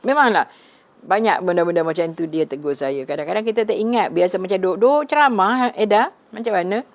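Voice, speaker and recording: A middle-aged woman religious teacher giving a gentle, conversational live online talk, often addressing her listeners directly. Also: mid-range voice, lively intonation, fairly quick.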